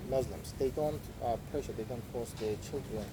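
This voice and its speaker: Azerbaijani-accented man over noticeable noise. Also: mid-range voice. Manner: halting, repeats words for emphasis. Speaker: podcast guest. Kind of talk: conversational interview storytelling. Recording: clear background vehicle-like noise.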